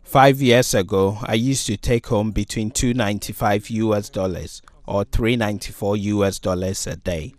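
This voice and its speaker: Young male fisherman, lowish voice, plain direct talk, outdoor beach. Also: fairly even intonation, normal speed, few pauses, no room sound. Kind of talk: interview answers.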